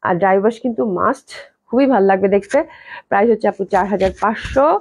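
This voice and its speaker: A young woman, hoarse from a cold, gushing with repeated praise as she sells clothes on a live stream. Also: medium pitch, racing, a little mellow, dry recording. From Bangladesh. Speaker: online clothing seller.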